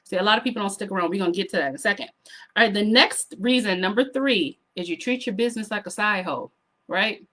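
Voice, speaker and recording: A slightly hoarse woman gives sassy, animated motivational business advice straight to her viewers, often asking them to drop a comment. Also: medium pitch, fast talker. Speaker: online business coach. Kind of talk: motivational vlog talk to camera.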